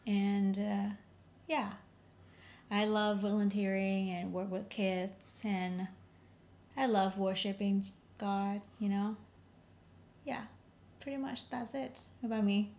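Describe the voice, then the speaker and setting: Vietnam-born woman, earnest and halting. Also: mid-range voice, level tone. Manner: warm, earnest, slightly halting phrasing. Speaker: podcast co-host. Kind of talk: casual chat.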